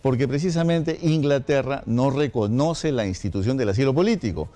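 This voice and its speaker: A man, a studio guest explaining legal points in measured answers with frequent hesitations. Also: medium pitch, dark tone. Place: radio studio.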